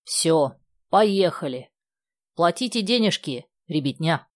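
A woman's voice: fairly low pitch, animated, slow pace, no echo, clean studio sound. Woman doing a brash bus driver. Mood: breezy. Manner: loud, offhand, breezy.

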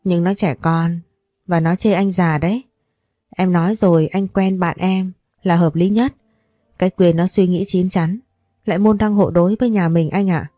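A woman voicing a scheming sister who coaxes and persuades in a soft, even way. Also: lowish voice, normal speed, no echo, studio quality, soft background music, lightly acted.

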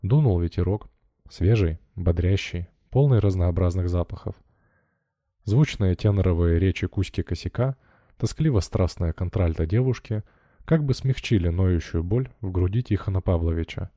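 Deep, dark-voiced male narrator. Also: moderate pace, no echo, studio quality. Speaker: audiobook narrator. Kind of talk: scripted narration.

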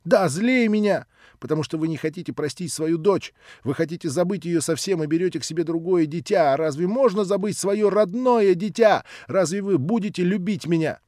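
A man's voice: high voice, fairly quick, darkish tone, dry recording, studio quality, voice pushed up, natural voice. A man voicing a proud, tormented orphan girl who bursts out tearfully and shrilly. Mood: defiant.

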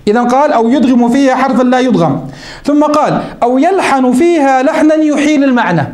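Male sheikh, quick high-pitched teaching voice, asks rhetorical questions, echoey room. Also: lively intonation, darkish tone. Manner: quotes the text then explains, asks rhetorical questions. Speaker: sheikh teaching Islamic jurisprudence. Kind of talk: religious lesson explaining a text.

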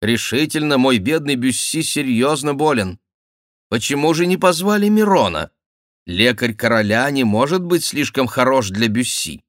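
A man's voice: medium pitch, expressive, normal speed, dry recording, studio quality, pitched above the performer's own voice, close to an everyday voice. A man voicing a wheedling royal duke in an audiobook, his tone coaxing and ingratiating. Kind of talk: audiobook reading.

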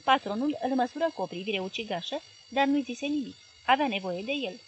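A woman with a Romanian accent reading a literary novel as an audiobook narrator, in measured, clear narration. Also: a little high, lively intonation, lo-fi sound, slight background noise.

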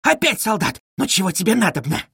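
A man's voice: sing-song, a little fast, gravelly, pushed and bright, husky, no echo, clean studio sound, exaggerated voice. A man reading aloud and voicing a proud, frantic middle-aged widow who wails and scolds. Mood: scolding. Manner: shrill, wailing, haughty.

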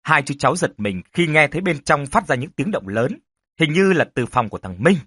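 A man narrating a ghost story in a dramatic, expressive way. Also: fairly high pitch, a little fast, breathy edge, no room sound, clean studio sound.

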